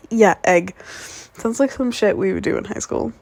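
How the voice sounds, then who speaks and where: In a whispered role-play, a woman in her twenties plays a fiancée as an ASMR performer, rambling sleepily and casually with plenty of fillers. Her voice is slightly high, creaky and a bit mellow, with faint background noise. She grew up speaking both English and Spanish.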